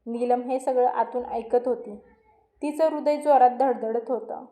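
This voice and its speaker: A woman narrating a scripted story with steady storytelling. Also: a little high, a little slow. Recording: roomy echo.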